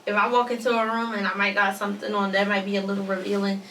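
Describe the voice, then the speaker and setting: A woman's voice: medium pitch, little pitch movement, quick pace, a bit bright, a little hiss or hum. A twenty-year-old woman co-hosting a podcast, chatting casually and rambling with restarts. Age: 20s. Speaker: podcast co-host. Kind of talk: casual chat. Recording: echoey room, mic at a distance.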